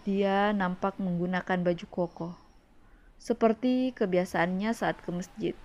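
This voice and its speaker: A woman's voice: on the low side, a little mellow. Woman narrating a romance audiobook. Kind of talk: first-person audiobook narration. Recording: dull lo-fi audio.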